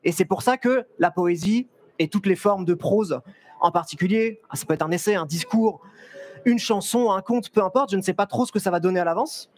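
Speaking at a moderate pace, a young photographer addresses fairgoers from a stage in a big indoor trade-fair hall. A headset mic picks up his high voice as he chats animatedly, often starting sentences over and bantering with the crowd during this live presentation.

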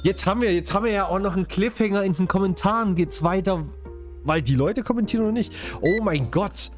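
A man's voice: high-pitched, quick pace, soft background music. A man from Saxony chatting casually to his viewers while playing a game, jokey and talkative. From Saxony, Germany. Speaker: gaming YouTuber. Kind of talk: casual let's-play commentary.

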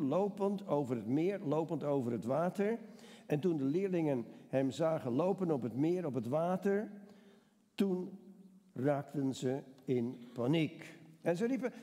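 Male preacher, sermon style, mellow tone, long reverb of a church hall. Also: medium pitch. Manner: conversational, asks the congregation questions. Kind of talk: sermon with Bible reading.

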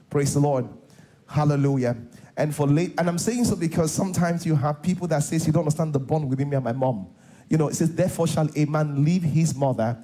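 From a large church stage, a middle-aged Nigerian pastor delivers a sermon in a fairly high but warm, mellow voice. He repeats phrases for emphasis and throws questions to the congregation in call-and-response fashion, picked up by a close headset mic.

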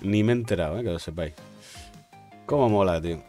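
A man's voice: sits low, quick pace, warm tone, soft background music. Playful Spanish streamer man, teasing banter. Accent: Spain Spanish. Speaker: gaming streamer. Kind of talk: casual gaming commentary.

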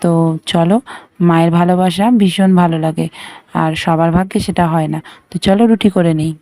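A woman narrating her own vlog in a calm voice-over, recounting her day of teaching and her mother's cooking. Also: lowish voice, fairly quick, no echo.

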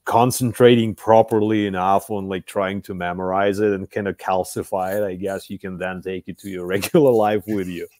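Deep-voiced young man, dry and close. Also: level tone, moderate pace, few pauses, a little mellow, no echo. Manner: thoughtful, searching for words, laughs easily. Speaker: podcast host. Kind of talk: casual conversation. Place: home room with bookshelf, video call.

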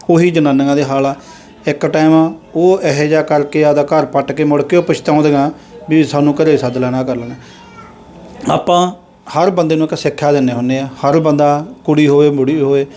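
A man's voice: on the high side, dark tone. A young man with a Punjabi accent, hosting a casual interview and giving earnest, moralizing commentary. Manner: earnest, moralizing, speaks in drawn-out phrases. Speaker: interviewer and channel host.

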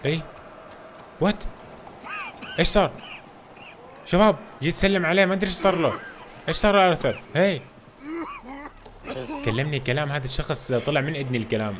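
A young man commentating his gameplay for viewers, reacting loudly and excitedly to what happens on screen. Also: on the high side, brisk, pauses often, slight background noise. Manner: reacts loudly to game events, addresses viewers as "guys". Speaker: gaming channel host. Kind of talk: excitable let's-play commentary.

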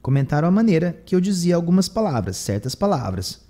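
A man's voice: fairly high pitch, big pitch swings, fast talker, warm tone. A man with a Brazilian Portuguese accent teaching English, translating phrases line by line and repeating words for emphasis. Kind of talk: bilingual lesson explaining English.

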